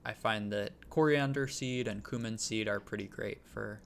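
A man hosting a casual podcast and explaining things in a relaxed way, with frequent ums. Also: on the low side, normal speed, creaky. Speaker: podcast host. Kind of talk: casual chat.

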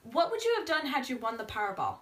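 A woman's voice: high-pitched, wildly swooping pitch, fast talker, a bit bright. A young woman co-hosting a casual, joking podcast in a playful, teasing way, recorded in an echoing bathroom. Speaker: podcast co-host.

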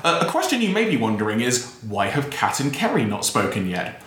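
A man's voice: medium pitch, big pitch swings, a little fast, a bit bright, slight background noise. A man hosting a casual podcast, recorded in a bare, very echoey room. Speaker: podcast host. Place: bare office room with desk and chairs.

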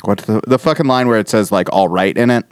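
A man's voice: mid-range voice, fast talker, dry recording, clean studio sound. A man co-hosting a podcast in casual chat, rambling and laughing as he talks, with some swearing. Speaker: podcast co-host.

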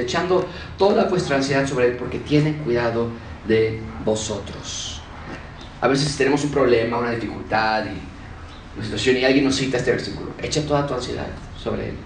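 High-voiced preacher in a roomy hall. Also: male voice, slight background noise. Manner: preaching with emphatic shifts and acted quotes. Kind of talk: sermon. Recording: roomy, distant mic with faint ambience.

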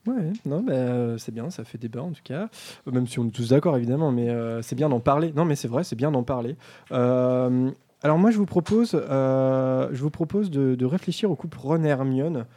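Mellow man hosting a casual discussion. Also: medium pitch, animated, normal speed. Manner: hesitant, many fillers, friendly. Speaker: discussion host.

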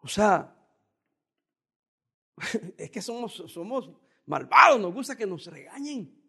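Man, pastor, sermon, high voice, calm conversational delivery, occasional emphatic rises. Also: slow pace, gravelly, slightly rough.

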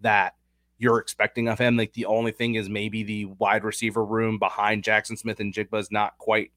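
Low-voiced man breaking down betting odds. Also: flat delivery, moderate pace, a bit bright, dry recording, clean studio sound. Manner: analytical, talks through stats and odds. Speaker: sports betting podcast host. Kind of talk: casual sports betting chat.

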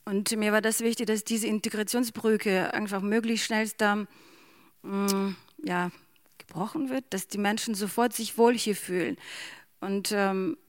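A woman speaks German slowly and softly, hesitating often with fillers. Her voice sounds dry and close, with no room around it. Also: mid-range voice, fairly even intonation, no room sound. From Ukraine. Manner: hesitant, many fillers, soft-spoken. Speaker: interview guest. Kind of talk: slow emotional reading and halting answers.

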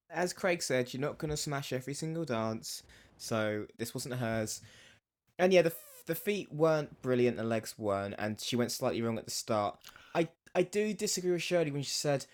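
A man's voice: mid-range voice, lively intonation, normal speed. A man guesting on a podcast, talking in an enthusiastic, opinionated way and repeating words as he starts a point. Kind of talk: casual chat.

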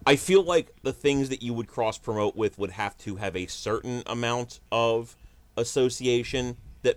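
A man's voice: on the low side, smooth, dry recording. A man chatting casually on a podcast, blunt, offhand and joking. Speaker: podcast co-host. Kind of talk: casual chat.

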